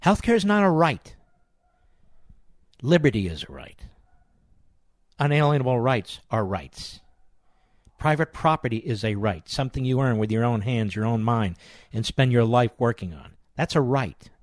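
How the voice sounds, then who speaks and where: An older man with an American accent speaks like a political talk host in full monologue. His pitch swings widely as he hammers phrases and throws out sarcastic rhetorical questions. The sound is dry and close, with no room around the voice. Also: expressive, moderate pace, long pauses, dry recording. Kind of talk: impassioned political commentary monologue.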